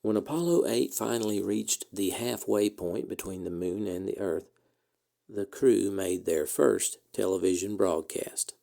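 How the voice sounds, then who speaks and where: A man reading scripted historical narration as a podcast host, in a measured, orderly way. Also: low-pitched, vocal fry, warm tone.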